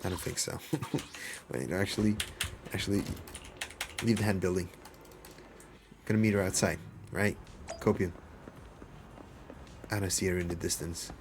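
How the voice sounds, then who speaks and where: A man's voice: low voice, measured pace, pauses often, noisy background. A man streaming a story game live, joking and talking back at the characters in slang. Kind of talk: casual live-stream commentary over a game.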